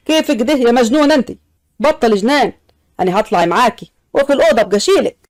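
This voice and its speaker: A woman's voice: fairly high pitch, animated, racing, dry recording, studio quality, lightly acted. A woman voicing a devoted young husband, talking earnestly and with reproach in an audio story. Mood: tender. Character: young adult man, devoted, pleading husband.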